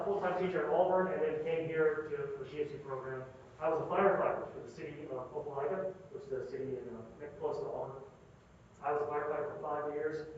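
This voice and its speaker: Echoey, distant male lecturer in a face mask. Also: fairly high pitch. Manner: repeats phrases for emphasis, checks in with listeners. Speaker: university lecturer. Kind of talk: informal classroom lecture. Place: classroom. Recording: echoey classroom, distant mic, dull, faint noise.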